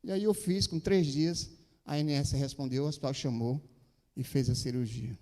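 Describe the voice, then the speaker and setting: A man's voice: medium pitch, fairly even intonation, normal speed, warm tone. Fervent man testifying in a church. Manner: fervent, rising to emphatic preaching. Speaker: church member giving testimony. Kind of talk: preaching testimony. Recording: long hall reverb.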